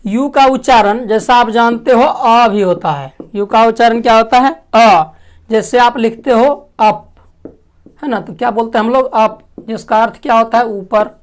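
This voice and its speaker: A woman teaching a language lesson, asking questions and answering them herself, clearing her throat often. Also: a little high, normal speed. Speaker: English teacher. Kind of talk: classroom lesson.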